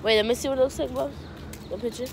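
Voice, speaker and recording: Recorded outdoors along a beachfront and street on a phone held at arm's length, a young adult woman vlogs while chatting casually with a friend. Her slightly high, gravelly voice moves fast with fairly even intonation, and her speech is slangy, profane and informal. Music plays underneath, with loud wind and street noise throughout.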